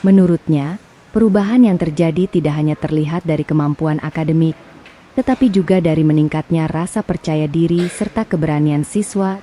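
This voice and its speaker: Low, dark-voiced woman reading news. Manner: steady formal reading. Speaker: news reporter. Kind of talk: scripted news voice-over.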